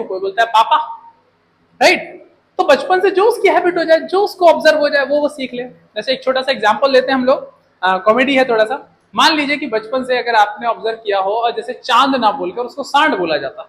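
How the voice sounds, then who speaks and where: A young man with a Hindi accent teaching an English class, animated and jokey, often asking rhetorical questions. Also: very high voice, low-quality recording. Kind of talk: classroom lecture. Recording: faint background noise.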